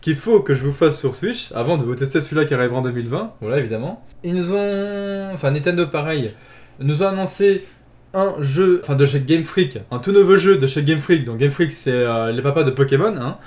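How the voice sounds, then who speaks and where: Young male gaming YouTuber, slightly high voice, loose self-correcting chatter. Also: animated, a little fast, darkish tone. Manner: rambling, self-correcting, laughs at himself. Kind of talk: casual video game news recap.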